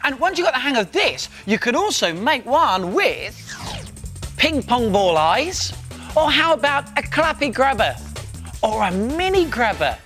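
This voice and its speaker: A man's voice: very high voice, very animated, a little slow, sharp tone, soft background music. A man presenting a children's craft show, cheery and jokey while demonstrating. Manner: cheery, jokey, talks to a puppet.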